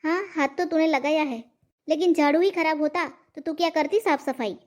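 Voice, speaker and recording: A woman's voice: high-pitched, normal speed, pitched below the performer's own voice, close to an everyday voice. A woman voicing a bossy, boastful mother-in-law in a cartoon, talking in a nagging, self-praising way. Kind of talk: cartoon voice acting.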